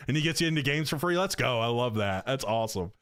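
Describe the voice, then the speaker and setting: A man's voice: mid-range voice, lively intonation, fast talker, fairly bright tone, clean tone, no room sound. A man in his thirties streaming a football video game, talking in a loose, slangy way with lots of fillers. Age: 30s. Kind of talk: casual live-stream chat.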